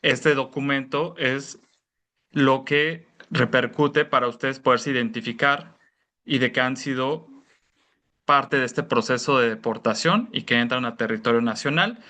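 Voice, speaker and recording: A man giving a careful explanatory talk on a video call, filling pauses with "eh" and "¿no?". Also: mid-range voice, pushed and bright. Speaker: presenter at an online information session.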